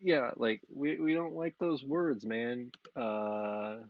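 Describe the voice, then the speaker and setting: A man's voice: medium pitch, slow, dry recording. A man playing a tabletop game, rambling with lots of fillers in casual chat. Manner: rambling, lots of likes and ums. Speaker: player. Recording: dull lo-fi mic.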